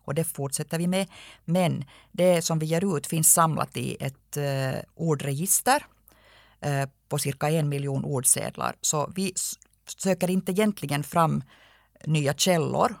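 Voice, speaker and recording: A woman with a Finland Swedish accent who edits a dictionary, explaining her work in an interview in a measured way with frequent hesitations. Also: low-pitched, gravelly, dry recording, studio quality. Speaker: dictionary editor. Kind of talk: radio interview answers.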